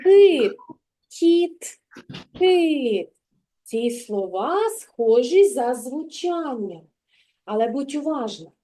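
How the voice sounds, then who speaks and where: A high-voiced woman teaches a young child to read in a one-on-one lesson. She speaks slowly and patiently, with a warm, soft tone, and stretches out each sound so the child can hear it. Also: sing-song. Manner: patient, drawn-out stressing of sounds and words. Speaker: kindergarten teacher.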